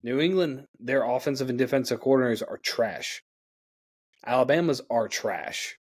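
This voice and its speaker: Guy cracking jokes on a sports podcast, mid pitch. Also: normal speed, a little mellow, breathy edge. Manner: joking, trash-talking. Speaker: podcast host. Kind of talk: casual sports chat.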